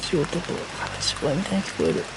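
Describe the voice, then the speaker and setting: A man vlogging a night ghost hunt on a mountain, muttering in a hushed, nervous way into a handheld camera, outdoors in the rain. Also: a little high, sing-song, fairly quick. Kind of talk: ghost-hunting vlog commentary. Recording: noisy outdoor night recording.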